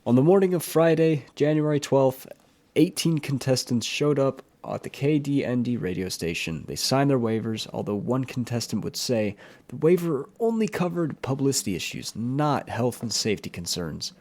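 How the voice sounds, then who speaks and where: A man's voice: medium pitch, expressive, moderate pace, darkish tone. A man narrating a true-crime story for his channel, in a plain, earnest retelling with a few opinions of his own. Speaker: YouTube horror storyteller.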